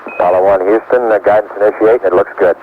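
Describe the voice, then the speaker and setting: A man's voice: lowish voice, steady tone, fast. Mission control guy on old radio, matter of fact short calls, phone-like sound w some static. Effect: radio transmission. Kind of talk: procedural radio callouts and countdown. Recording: tinny 1960s radio, faint static.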